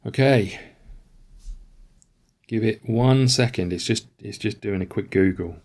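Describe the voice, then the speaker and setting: Man, low voice, casual, reads rules aloud, thinks out loud, double-checks his moves. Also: measured pace. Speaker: solo board game player. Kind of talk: casual tabletop playthrough.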